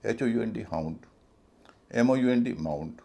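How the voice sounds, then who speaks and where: Gravelly Hindi-speaking pronunciation teacher. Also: male voice, fairly low pitch, expressive, warm tone. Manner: spells out letters slowly, then stresses each pronunciation. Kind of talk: explanatory video lesson.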